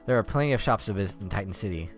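A man's voice: on the low side, expressive, racing, soft background music. Sarcastic man reading game text aloud. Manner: sarcastic, swears and laughs at the story. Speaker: let's play host.

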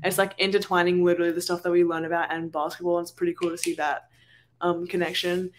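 A woman's voice: fairly low pitch, flat delivery, quick pace, a little hiss or hum. A young woman with an Australian accent, co-hosting a casual podcast chat, talking in a rambling way with lots of fillers and restarts. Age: young adult. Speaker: podcast co-host.

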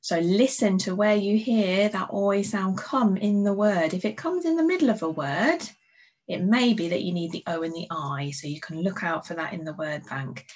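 Breathy English woman teaching phonics. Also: fairly low pitch, fairly even intonation, a little mellow, highs cut off. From England. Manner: slow, clear sounding-out of letters and words; encouraging, patient instructions to children. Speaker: primary school teacher. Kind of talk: recorded phonics lesson for young children.

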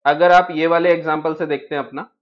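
Man teaching law, slow and questioning. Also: a little high, steady tone, highs cut off. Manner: reads English legal text slowly and repeats it in Hindi; asks the class questions, then answers them. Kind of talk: exam-prep lecture.

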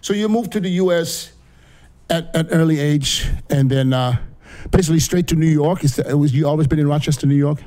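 Middle-aged male podcast host, slightly high, mellow tone, eager repeating questions, close studio mic. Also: a little fast. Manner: eager, repetitive, upbeat questioning. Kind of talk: casual interview chat. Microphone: studio mic with headphones.

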